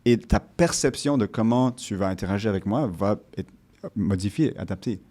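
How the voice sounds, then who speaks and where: A Canadian man whose first language is English, speaking as a language-coach guest in a podcast interview and explaining things deliberately. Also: on the low side, mellow.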